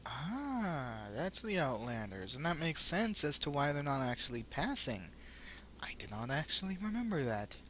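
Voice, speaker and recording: Bright, higher-voiced man doing casual game commentary. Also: sing-song, normal speed. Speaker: let's play host. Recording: home commentary with faint noise.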